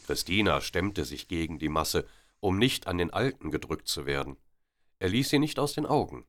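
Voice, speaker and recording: A man reading a story aloud with expressive, dramatic narration. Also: deep voice, moderate pace.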